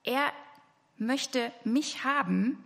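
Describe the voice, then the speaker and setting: A woman's voice: high voice, drawn-out words, creaky. A woman preaching a sermon to her congregation, earnest and speaking to them directly. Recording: hall reverb.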